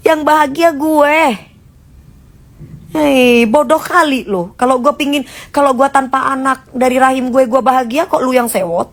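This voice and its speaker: A woman's voice: sits high, steady tone, unhurried. Blunt, mocking woman. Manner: blunt and mocking, in Jakarta slang. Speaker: live streamer answering comments. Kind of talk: casual live-stream rant.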